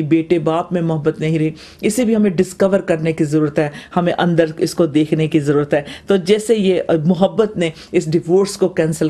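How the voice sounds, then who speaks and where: A woman delivers a television sermon in a warm, mellow voice. She exhorts her listeners earnestly, slipping English phrases into her preaching as she goes. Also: lowish voice. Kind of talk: sermon with a retold testimony.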